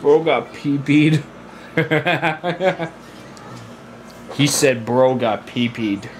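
Brief: young male streamer, unhurried casual chat, faint background hum. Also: a little high. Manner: rambling, laid-back, laughs easily.

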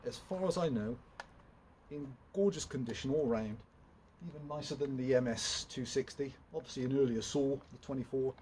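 Standing in an open woodshed among piles of logs, a young man who makes chainsaw vlogs rambles casually through a walkthrough, stumbling over fillers and restarts. He has a mid-range, somewhat dark voice at a moderate pace. A distant camera captures him with slight background noise.

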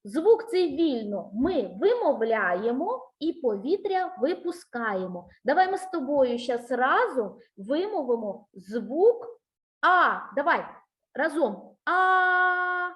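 A woman's voice: high-pitched, sing-song, slow pace, darkish tone. A woman giving a one-on-one speech lesson to a child, patient and encouraging, asking many questions and singing out vowel sounds to demonstrate them. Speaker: speech teacher.

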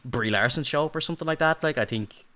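A man's voice: on the high side, fast, pushed and bright. A man co-hosting a podcast, chatting casually in a rambling way, with lots of fillers and restarts. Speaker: podcast co-host. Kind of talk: casual review chat.

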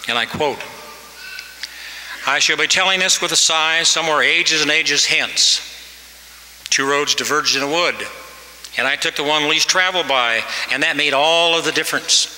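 A man's voice: on the high side, moderate pace, long pauses, sharp tone, a little hiss or hum. A man in his sixties giving a commencement address at a podium microphone, earnest and exhorting, pushing his voice up for emphasis. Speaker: commencement speaker. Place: large hall. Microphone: podium mic. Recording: reverberant hall, faint ambience.

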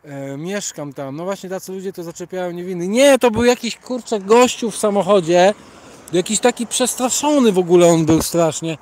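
A man's voice: high-pitched, fairly quick, a little mellow. A man with a Polish accent hosting a casual livestream on a night walk along a city sidewalk, rambling and reading out viewers' chat names as he greets them. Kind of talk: casual live chat while walking.

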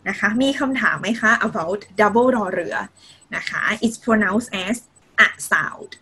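A woman's voice: mid-range voice, slow, bright, forceful tone, slight background noise, poor audio. A woman teaching Thai in a video-call lesson, mixing simple English with Thai and adding polite particles often. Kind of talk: online language lesson.

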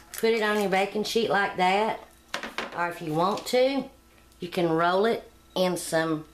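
A middle-aged woman hosting a home cooking channel, talking plainly step by step through a recipe in her kitchen. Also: on the low side. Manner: homey, plain-spoken, step-by-step. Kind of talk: casual cooking demonstration voice-over.

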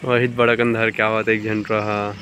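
A man's voice: lowish voice, little pitch movement, measured pace, background noise. A young man with a Chhattisgarhi accent, narrating a casual village vlog outdoors by a pond and chatting to viewers as friends. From India. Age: young adult. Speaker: village vlogger.

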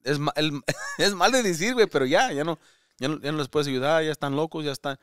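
A man talks loosely on a casual comedy podcast, rambling and switching between Spanish and English, breaking into loud laughter. His voice sits a little high. The sound is dry and close, with no room around it. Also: brisk, clear, resonant tone, dry recording. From United States. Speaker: comedian co-host.

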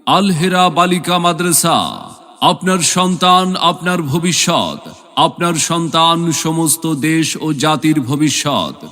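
A man with a Bangladeshi accent reads a scripted promotional announcement in a formal, measured, proclaiming way, drawing out repeated phrases. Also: on the high side, sharp tone. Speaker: announcer for a school admission advert. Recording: long reverb, music behind the voice. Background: background music.

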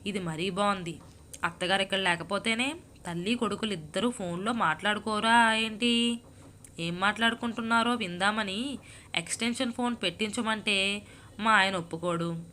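Self-pitying young wife, sighing scoffs, bright edgy tone, read by a woman storyteller. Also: medium pitch, moderate pace, slight background noise, close to an everyday voice. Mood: complaining. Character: young married woman, melodramatic, hooked on TV serials. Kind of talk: storybook reading.

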